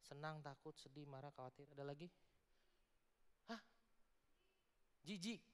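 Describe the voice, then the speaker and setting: A man preaches to a youth crowd in a casual, playful way, tossing questions at the listeners and slipping in English words. His voice sits a little high, and a long hall reverb trails after every phrase. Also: a little slow, smooth. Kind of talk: casual youth sermon with audience interaction. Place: large church hall before a youth audience.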